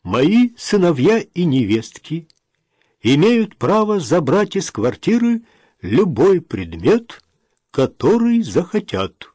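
A man voicing a stern, pompous older notary who reads a will in a slow, formal, solemn manner in an audiobook. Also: fairly high pitch, sing-song, a little mellow, no room sound, studio quality, pitched above the performer's own voice, full character voice. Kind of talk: audiobook character reading.

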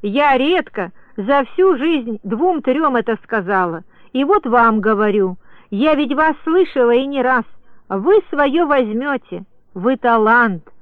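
A woman's voice: on the high side, expressive, slow, no echo. Woman voicing a shrewd older woman. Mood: encouraging. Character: shrewd older woman giving kind encouragement. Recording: dry, tinny radio sound.

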